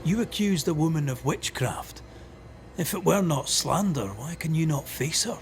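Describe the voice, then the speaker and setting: A man playing a solemn, righteous ghost hunter in a video game, measured and confronting. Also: a little high, lively intonation, faint music behind. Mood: grave, confronting. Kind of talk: dramatic video game acting.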